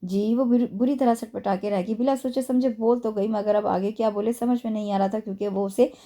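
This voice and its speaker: A woman narrating a novel aloud at a steady storytelling pace, with small stumbles. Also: mid-range voice, a little fast. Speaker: audiobook narrator.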